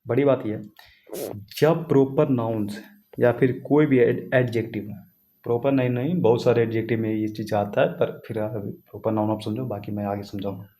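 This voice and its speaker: A man's voice: mid-range voice, steady tone, normal speed, mellow, slight background noise. A man teaching English grammar in a casual classroom style, repeating points and checking that students follow. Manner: repetitive, asks students questions, writes on a board.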